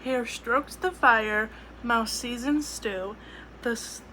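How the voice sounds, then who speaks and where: Woman reading a children's picture book, playful, expressive, slow pace, bright and clear, slightly high. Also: slight background noise, low-quality recording. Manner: playful and expressive, with asides to listeners. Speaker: storyteller.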